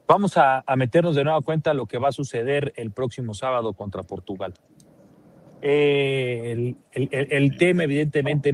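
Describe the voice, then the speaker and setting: A man with a Mexican accent hosting a live sports talk show, animated and joking, with lots of restarts. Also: medium pitch.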